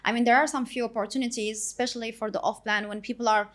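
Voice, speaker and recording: A woman hosting a casual podcast interview as a real estate agent, asking steady, friendly questions. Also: fairly high pitch, fast.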